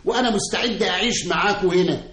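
An actor with an Egyptian accent playing a fawning, lovesick suitor who pleads earnestly in an old radio comedy. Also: male voice, high-pitched, quick pace, a bit bright. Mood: wooing. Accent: Egyptian Arabic. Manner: wheedling, earnest pleas. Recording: roomy old radio studio recording.

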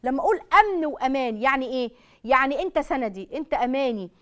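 A woman's voice: high voice, very fast. A woman with an Egyptian Arabic accent giving a religious talk on marriage, asking rhetorical questions and speaking straight to her listeners. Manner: animated, rhetorical questions, addresses audience directly. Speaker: Islamic lecturer.

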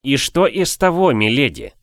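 A man's voice: mid-range voice, wildly swooping pitch, normal speed, dry recording, clean studio sound, pitched above the performer's own voice. A man voicing a head cook in an audiobook, answering with curt, coolly polite irritation.

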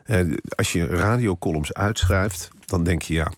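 A man's voice: deep voice, unhurried, no echo. A man guest on a radio show, chatting dryly and reading his own column aloud in a studio. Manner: dry, deadpan humor. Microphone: studio microphone.

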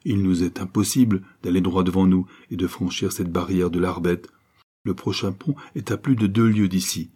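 A man voicing a gentle, calm country priest who speaks in a coaxing way in an audiobook. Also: low voice, moderate pace, husky.

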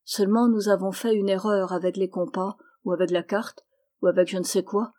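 A woman voicing an exhausted, tender man stranded in the desert, speaking gently and wearily in an audiobook. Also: medium pitch, little pitch movement, brisk, close to an everyday voice. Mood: weary. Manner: gentle, weary, subdued. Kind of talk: audiobook reading.

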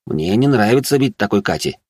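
A man narrating a first-person fantasy audiobook in a low-key, wry way. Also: animated, brisk, a little mellow, breathy edge, no echo, clean studio sound.

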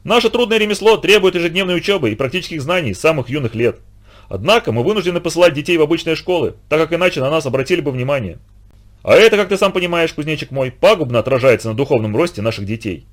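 A man voicing a conceited, self-pitying male bandit who flatters and boasts in a raised, wheedling voice. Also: a little high, fast, voice pushed up. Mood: boastful. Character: whiny, fawning, conceited adult male bandit.

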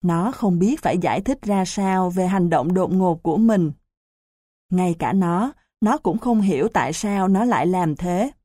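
Slow, measured woman narrating a story. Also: fairly low pitch, warm tone, slightly rough, no room sound, studio quality. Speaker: audiobook narrator.

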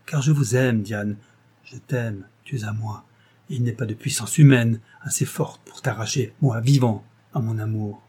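A man's voice: on the low side, flat delivery, moderate pace, few pauses, dark tone, husky. A man playing a vehement jealous young nobleman. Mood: impassioned. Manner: impassioned, vehement. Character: passionate jealous young nobleman, hot-tempered.

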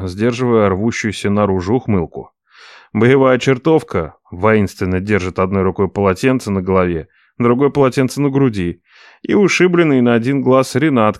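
A male audiobook narrator at a middle pitch who reads with a wry, dry delivery and plenty of lift and fall in his voice. The sound is close, dry and free of room echo. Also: a little mellow. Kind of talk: first-person scripted narration.

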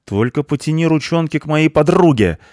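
A man voicing a gruff, snappish young female cleaner in an audiobook. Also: lowish voice, animated, normal speed, a little mellow, no room sound, studio quality, close to an everyday voice. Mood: angry. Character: grumpy young female cleaner, sharp-tongued.

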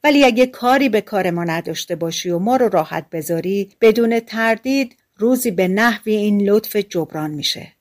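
A woman's voice: medium pitch, expressive, few pauses, natural voice. A woman voicing an annoyed queen bee in a storybook, warning sternly. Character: stern queen bee guarding her hive.

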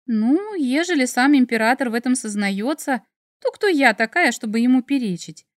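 Flustered, sarcastic young heroine, as a woman narrator voices her, raised and bright, dry close sound. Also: high-pitched, animated, moderate pace, dry recording. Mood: indignant. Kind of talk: audiobook character voice.

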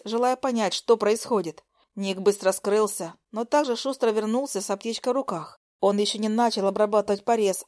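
Woman narrator for a first-person romance audiobook, expressive and intimate, middle pitch.

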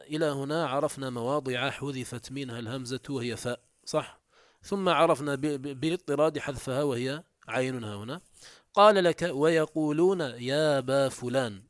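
A man's voice: no room sound, clean studio sound. A man teaching Arabic morphology, reading passages from a classical text aloud and explaining them step by step. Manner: pitch jumps up when introducing quotes. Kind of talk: classical text commentary lesson.

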